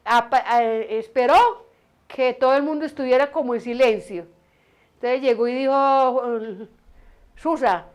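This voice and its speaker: A woman's voice: fairly high pitch, clear, resonant tone. An older woman with an Antioquian Colombian accent, casually telling a family story with many restarts and amused asides. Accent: Antioquian Colombian Spanish. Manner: meandering, frequent restarts, amused. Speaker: storyteller recalling her mother.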